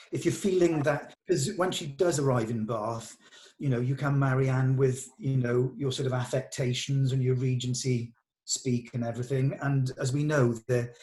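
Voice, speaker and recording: In a mid-range voice with a darkish tone, a man directs an informal rehearsal. He comes across as hesitant, thoughtful, and encouraging. It's casual rehearsal talk, partly spent reading out stage directions.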